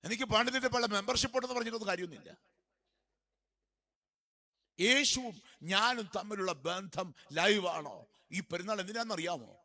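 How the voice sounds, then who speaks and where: A man preaching a sermon in church during a feast. He keeps firing questions at the congregation and answering them himself, and he swings from soft murmurs to loud exhortation. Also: sits high, normal speed, long pauses.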